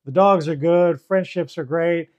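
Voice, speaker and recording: A man, a therapist co-hosting a podcast, explaining calmly and mixing clinical terms with casual swearing. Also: on the high side, measured pace, muffled recording. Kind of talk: casual chat.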